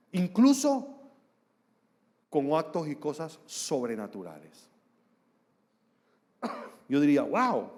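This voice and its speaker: A male pastor delivers a lively, joking sermon in a somewhat high voice. He acts out bits of dialogue as he tells the story. The sound carries a long reverb from a large church hall. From Panama. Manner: storytelling with humor and acted-out dialogue.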